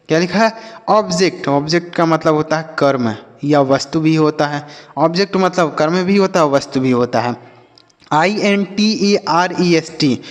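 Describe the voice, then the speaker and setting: Male teacher, patient with children, spells letter by letter, slightly higher voice, long reverb on the recording. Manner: patient, asks and answers his own questions. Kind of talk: English reading lesson for children.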